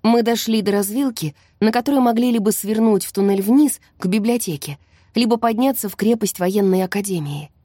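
Woman reading with a warm husky voice. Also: medium pitch, fairly quick, no echo, studio quality. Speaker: audiobook reader. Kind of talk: first-person fantasy narration.

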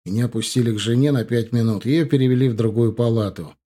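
A man narrating an audiobook in the first person, in brisk storytelling. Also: medium pitch, mellow.

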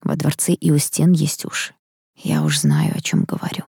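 A woman voicing an elderly grandmother who talks quietly and slowly in an audiobook. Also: low-pitched, steady tone, gravelly, breathy edge, no echo, clean studio sound, heavily acted. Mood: hushed. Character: grumbling elderly grandmother, weary and calm. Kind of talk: audiobook character voice.

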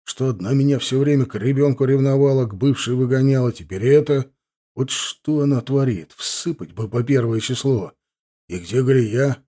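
A man voicing a stern father with a short temper, pressing hard with his questions. The voice sits at an ordinary middle pitch and stays close to the reader's own. He sounds exasperated rather than loud. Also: moderate pace, close to an everyday voice. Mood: irritated. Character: stern middle-aged father, quick to anger.

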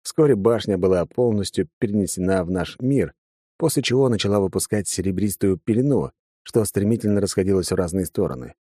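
Low, mellow male audiobook narrator. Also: brisk, no room sound, clean studio sound. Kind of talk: first-person fantasy audiobook narration.

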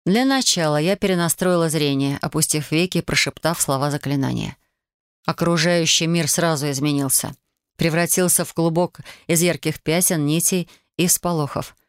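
Мужчина размеренно и ровно читает фэнтезийную аудиокнигу от первого лица. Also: male voice, fairly high pitch, normal speed, clear, resonant tone, dry recording, studio quality. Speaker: audiobook reader. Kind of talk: fantasy audiobook narration in first person.

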